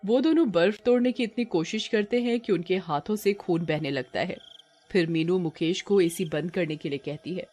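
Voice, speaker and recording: Woman, cartoon story narrator, lowish pitch, even delivery, faint music. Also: moderate pace.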